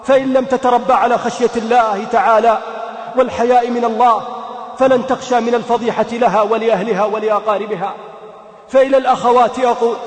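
A man preaching an impassioned sermon, telling a story in the first person and pleading with rhetorical questions. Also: very high-pitched. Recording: echoey hall with long reverb.

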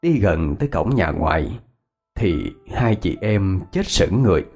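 Man, ghost story narrator, low pitch, lively intonation. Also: a little slow, husky, faint music behind. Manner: reminiscing, storyteller's cadence.

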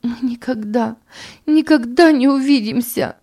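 A woman's voice: on the high side, measured pace, darkish tone, pitched above the performer's own voice. A woman reading an audiobook, voicing a grieving young mother who pleads through tears. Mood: tearful pleading. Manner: pleading, breaking voice. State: crying. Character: young mother in deep grief, sobbing.

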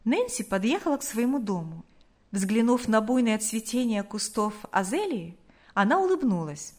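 A woman reading a novel aloud as an audiobook narrator, in measured, deliberate storytelling. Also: on the high side, big pitch swings, darkish tone. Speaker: audiobook reader. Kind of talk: scripted narration.

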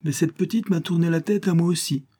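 A man's voice: a little high, fairly quick, dark tone, husky, pitched above the performer's own voice. A man reading a kindly, reflective father.

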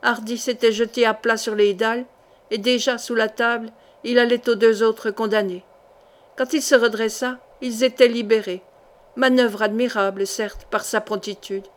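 A woman narrating an audiobook of an adventure novel, in a measured, expressive literary reading. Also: a little high. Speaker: audiobook reader.

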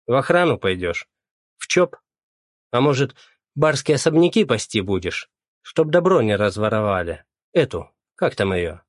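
A man's voice: medium pitch, big pitch swings, normal speed, no echo, studio quality, close to an everyday voice. A man voicing an angry, sarcastic male police colleague in an audiobook. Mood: mocking. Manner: loud, needling, sarcastic.

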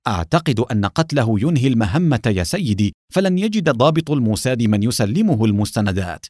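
A man's voice: mid-range voice, big pitch swings, quick pace, darkish tone, dry recording, clean studio sound. A man voicing a young female agent who speaks with urgency. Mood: calm. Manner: urgent, insistent.

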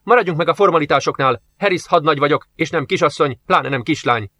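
A man voicing a stubborn young female lieutenant who speaks briskly and insistently. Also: a little high, bright, forceful tone, no room sound. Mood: indignant.

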